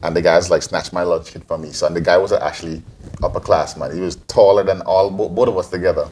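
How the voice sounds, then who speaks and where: A man's voice: low-pitched, fairly even intonation, fast talker, darkish tone, slight background noise. A man in his forties, from Guyana and raised in Antigua, answering interview questions as a podcast co-host, rambling with many restarts. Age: 40s.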